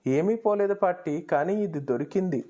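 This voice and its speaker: A man voicing an eager, excited young granddaughter in a storybook reading. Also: high-pitched, moderate pace, voice pushed up, lightly acted. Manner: eager, breathless whispering.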